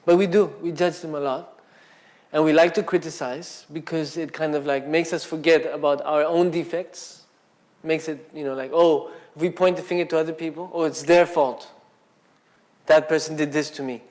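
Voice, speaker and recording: A man's voice: a little high, steady tone, moderate pace, darkish tone. A man giving a casual, conversational Buddhist talk at a meditation centre, telling a story and acting out the quotes with lots of "you know" and "like". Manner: casual and conversational, filler-heavy, acts out quotes.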